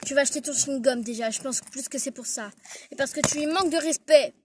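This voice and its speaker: A woman's voice: a little high, takes it slowly, noisy background. A woman voicing a strict male school principal who scolds a pupil. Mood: scolding.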